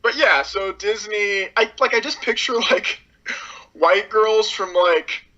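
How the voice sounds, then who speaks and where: A man's voice: high voice, slow pace, sharp tone. A young man co-hosting a podcast, chatting casually in a sarcastic, laughing, profane way. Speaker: podcast co-host. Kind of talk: casual chat. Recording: dull lo-fi sound.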